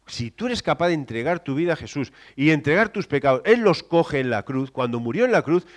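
A man preaching a sermon, moving between quiet scripture reading and loud, emphatic exclamations. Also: fairly high pitch.

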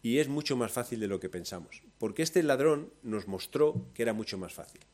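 A man with a Spanish accent from Spain preaching a sermon, moving between loud, lively storytelling and soft, low emphasis. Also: brisk.

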